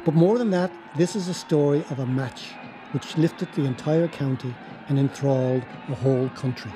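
A man narrating a radio documentary in a measured, storytelling way. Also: fairly high pitch, noisy background. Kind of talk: scripted narration.

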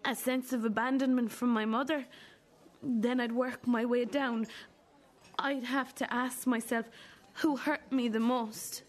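A woman acting as a wounded, bitter adult daughter in a drama, accusing her mother in a halting, deliberate way. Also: on the high side, fairly even intonation, lightly acted. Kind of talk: dramatic two-hander dialogue.

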